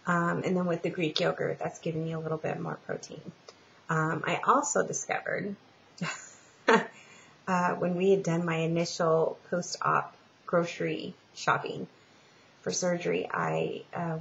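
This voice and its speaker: Low, creaky woman in a casual vlog. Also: little pitch movement. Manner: halting, rambling delivery with trailing pauses. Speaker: vlogger. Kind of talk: casual personal update vlog. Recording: muffled, lo-fi home recording with hiss.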